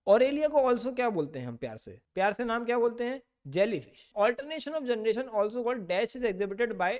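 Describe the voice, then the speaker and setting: A male biology teacher giving an exam-prep lecture, asking questions and answering them himself, reading textbook lines slowly and then explaining quickly and playfully. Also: very high-pitched, big pitch swings. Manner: asks questions and answers them himself, mixing Hindi with English terms.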